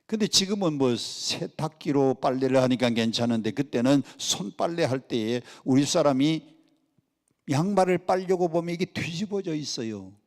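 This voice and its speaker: A middle-aged male pastor preaching a lively sermon and leading the congregation in call-and-response. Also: fairly high pitch, normal speed. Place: church sanctuary. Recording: long hall reverb.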